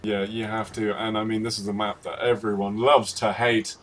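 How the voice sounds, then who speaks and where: A man's voice: on the low side, level tone, normal speed, a bit bright. A man casting a video game match, joking and laughing as he banters with his co-caster. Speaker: esports caster. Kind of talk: casual game commentary.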